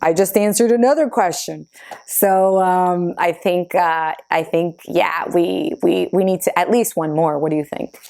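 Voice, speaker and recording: With vocal fry and a dark tone, this woman keeps her voice low and steady at a measured pace. She's an Argentine YouTuber in her thirties, a native Spanish speaker, chatting casually through her own get-to-know-me questions with many fillers.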